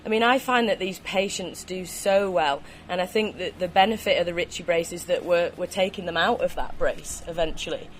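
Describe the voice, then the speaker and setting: Female interview guest, lowish voice, chatty explanatory answers, recorded out on a ski slope with faint noise. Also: a little fast, hardly any pauses. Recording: noisy outdoor recording with ambient sound.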